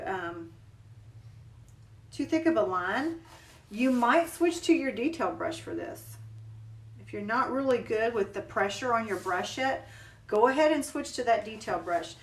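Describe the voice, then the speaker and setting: A woman's voice: a little high, far from the mic. Woman with a country twang teaching painting. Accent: Southern US country. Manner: calm, chatty, instructive. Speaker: painting instructor. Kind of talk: step-by-step painting lesson. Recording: roomy sound, mic set back.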